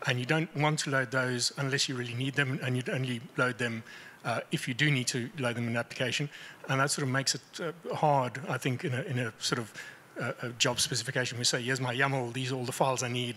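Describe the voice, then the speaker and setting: A man's voice: medium pitch, fairly even intonation, fast talker, sharp tone, a little hiss or hum. A man with a South African accent asking a question from the audience, hesitant and full of hedges. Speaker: audience member.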